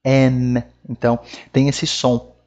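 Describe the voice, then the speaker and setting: A man's voice: fairly high pitch, animated, moderate pace, a little mellow, muffled recording. A Brazilian man with a Brazilian Portuguese accent, a French teacher giving a casual video lesson on pronunciation, friendly and often tagging his lines with "né?". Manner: friendly, repeats sounds and tags lines with "né?".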